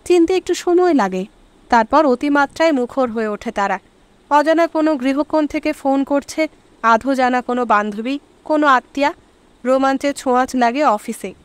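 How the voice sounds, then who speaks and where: Brief: woman audiobook narrator, high bright voice, dry close recording. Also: moderate pace, dry recording. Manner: expressive storytelling. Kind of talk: scripted narration.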